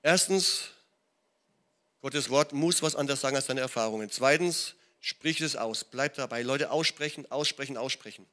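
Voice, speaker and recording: A man's voice: medium pitch, normal speed, pushed and bright. A middle-aged man with a German accent, preaching a sermon in a church and often checking in with his listeners. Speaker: pastor. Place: church hall.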